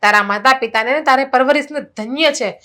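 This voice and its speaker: A woman's voice: high-pitched, brisk, fairly bright tone. An actress playing an indignant elder daughter-in-law who scolds her lazy sister-in-law and complains to her mother-in-law. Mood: scolding. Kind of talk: Gujarati family stage drama.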